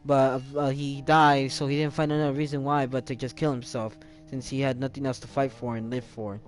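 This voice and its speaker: A man's voice: mid-range voice, level tone, brisk, faint music behind. A young man casually retelling a video game's story, rambling, with many self-corrections and restarts. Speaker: gaming channel host. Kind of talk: casual game story recap.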